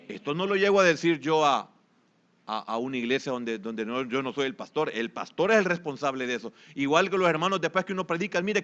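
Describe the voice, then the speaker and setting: A man with a Salvadoran Spanish accent preaching a sermon as pastor, moving between hushed asides and loud rising exhortation. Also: on the high side, dull audio.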